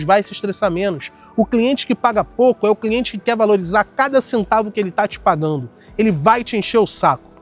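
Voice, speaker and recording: A man with a Brazilian Portuguese accent giving blunt, firm self-help advice in a direct monologue, telling stories from his own work in an even tone. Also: high voice. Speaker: self-help video host. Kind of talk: direct motivational monologue with anecdotes.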